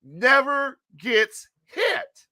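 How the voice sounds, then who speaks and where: A male podcast host telling a rowdy story in an animated way, laughing often and swearing freely. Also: extremely high pitch, extremely slow, no room sound, clean studio sound.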